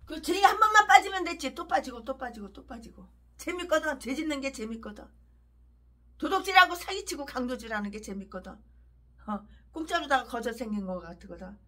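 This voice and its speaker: A woman's voice: on the high side, pushed and bright. A woman pastor giving a fiery sermon, ranting harshly with repeated emphatic phrases.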